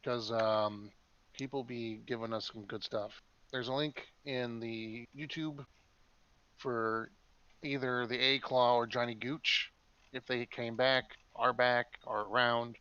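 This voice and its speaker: A man's voice: mid-range voice, fairly even intonation, slow pace, pushed and bright, clean tone, no echo, highs cut off. A man co-hosting a podcast in casual chat, rambling and making jokes. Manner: rambling, joking. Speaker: podcast co-host.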